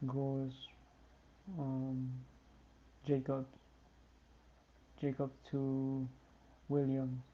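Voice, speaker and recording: A fan commentator calling a match live for a watch-along stream, tired and yawning, talking in a slow, low-key way. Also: monotone, narrow, tinny audio, a little hiss or hum. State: sleepy.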